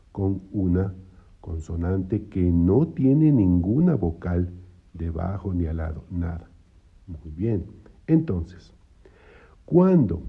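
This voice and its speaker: Deep gravelly man teaching syllables. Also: dull audio. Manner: patient, repeats points, asks "¿no?". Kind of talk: explaining biblical Hebrew syllables.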